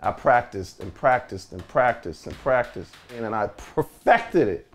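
A middle-aged man from the Bronx, telling his story in a relaxed, conversational documentary interview. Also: mid-range voice, moderate pace. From the Bronx, New York. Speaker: filmmaker and music producer.

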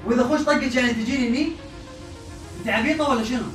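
A man trying to calm things down and reason, exasperated, heard in a played video. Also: extremely high pitch, racing. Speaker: prankster in a played clip. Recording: echoey, distant video audio with music.

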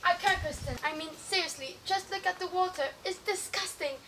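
A woman playing an anxious, dramatic teenage girl on a raft, talking fast and high-strung. She performs on an outdoor garden stage. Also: crowd noise. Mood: panicky. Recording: distant stage mic with background noise.

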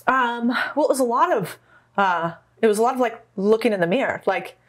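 A woman from Arizona talks through her own story in a relaxed interview. She tells it with energy and drops into little quoted voices along the way. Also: on the high side, a little fast. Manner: animated storytelling, acts out quotes. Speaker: podcast guest, entrepreneur. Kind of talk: casual interview conversation.

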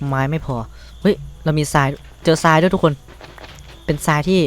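A man's voice: a little high, moderate pace, faint music behind. A teenage boy with a Thai accent, rambling to himself as he plays and crafts in a survival game, swearing casually. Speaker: gaming YouTuber. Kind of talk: Minecraft let's play commentary.

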